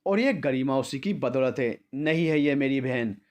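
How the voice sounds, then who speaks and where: A bitter young villain spits defiant words in a storybook drama, as a male narrator voices him. His voice is plain and mid-pitched, and his tone is spiteful. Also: expressive, moderate pace, lightly acted.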